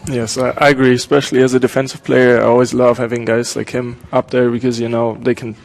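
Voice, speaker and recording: A young man with a German accent, a college soccer player answering interview questions in a hesitant way with many pauses. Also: mid-range voice, level tone, vocal fry, a little mellow. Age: young adult. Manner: hesitant, many ums and restarts.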